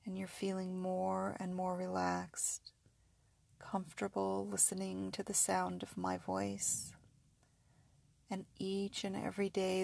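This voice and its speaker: Slow, creaky woman narrating sleep hypnosis. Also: mid-range voice, no echo. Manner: soothing, repetitive, suggestive phrasing.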